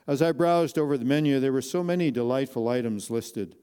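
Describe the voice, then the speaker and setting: A man narrating a first-person inspirational story slowly and earnestly, with dramatic pauses. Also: medium pitch, warm tone, smooth.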